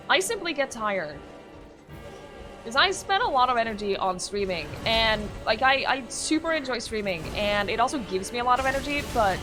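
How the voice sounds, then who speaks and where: Her voice on the high side, a young woman from Norway talks informally to her viewers' chat while gaming on stream. She responds to questions with lots of fillers and small bursts of laughter.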